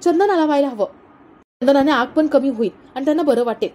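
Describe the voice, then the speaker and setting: A woman's voice: high voice, fast talker, darkish tone, voice pushed up, close to an everyday voice. A woman voicing a meek, dutiful daughter-in-law. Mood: gentle. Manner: meek, reassuring. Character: dutiful, soft-spoken young daughter-in-law.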